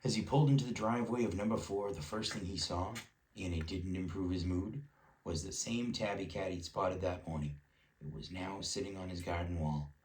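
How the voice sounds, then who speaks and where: A man reading a storybook aloud to his child in a relaxed way, now and then stopping to chat with them. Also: deep voice, normal speed, reverberant, recorded from a distance, poor audio. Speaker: parent reading a bedtime story.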